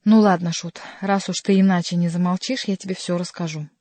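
A woman voicing a frightened male king who speaks in a hushed, fearful manner, reading a storybook. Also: fairly low pitch, steady tone, a little fast, dry recording, close to an everyday voice. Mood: weary.

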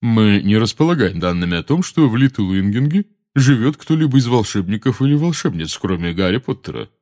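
A man voicing a stern older woman judge who questions in a deep, formal way in an audiobook. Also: sing-song, normal speed, a little mellow.

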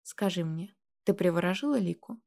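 Woman doing a calm curious dad, mellow low-key tone. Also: moderate pace, gravelly. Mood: wondering. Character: grown man, thoughtful father.

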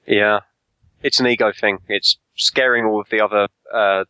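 Bright-voiced man, hesitant and jokey. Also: fairly low pitch, fairly even intonation, normal speed, smooth, dry recording, poor audio. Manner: hesitant, many fillers, jokey. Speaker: podcast co-host. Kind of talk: casual chat.

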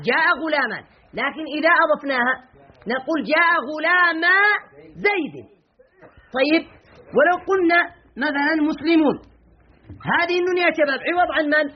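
A man's voice: very high voice, highs cut off. A male teacher giving a classroom grammar lesson. He quizzes his students with questions, answers them himself, and scolds them sternly. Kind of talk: classroom lesson, explaining and reading from a textbook.

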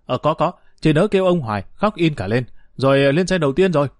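A man narrating a story voices a middle-aged male official, hurried and fussy, barking into a field phone. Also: fairly high pitch, lively intonation, no echo, clean studio sound, natural voice. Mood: flustered.

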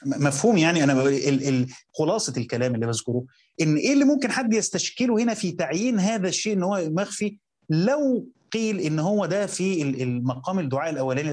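A man with an Egyptian Arabic accent teaching a Quran commentary lesson, reading quotes slowly and then explaining them in colloquial talk while questioning his students. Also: fairly high pitch, darkish tone.

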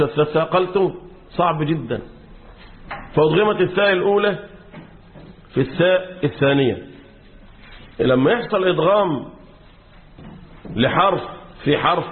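A man's voice: a little high, a little hiss or hum. A man with an Egyptian accent, a sheikh lecturing a class on Quran commentary, quizzing his students with fill-in questions and repeating key words. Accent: Egyptian Arabic. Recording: tinny lo-fi phone-like recording.

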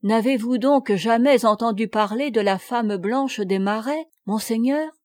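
A clever young serving boy, quiet and deferential, played by a woman narrator in a storybook reading. He speaks softly and slowly, close and dry to the mic. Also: on the high side, dry recording, close to an everyday voice. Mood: ominous warning.

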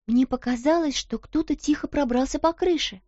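A woman's voice: high-pitched, moderate pace, darkish tone, dry recording, highs cut off, pitched above the performer's own voice, close to an everyday voice. A woman voicing an earnest, passionate young schoolgirl. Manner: earnest, intense.

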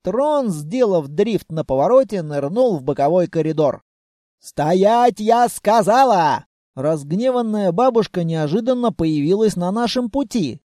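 Guy reading an audiobook, playful, super animated pitch, dry close mic. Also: moderate pace, few pauses, no room sound. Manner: lively, playful storytelling. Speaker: audiobook narrator. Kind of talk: expressive first-person audiobook narration.

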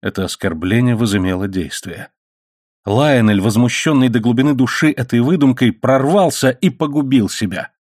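A man reading an adventure novel aloud in measured, dramatic storytelling. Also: mid-range voice, darkish tone, dry recording, clean studio sound. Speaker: audiobook reader. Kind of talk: scripted audiobook narration.

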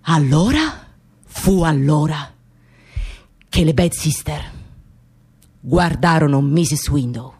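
An actress plays an excitable, gossipy immigrant woman with a Sicilian accent, telling a story in a theatrical radio monologue that blends dialect with broken English. Her exaggerated voice is low-pitched, slow and slightly rough, with frequent pauses, and her mood is excited and mocking.

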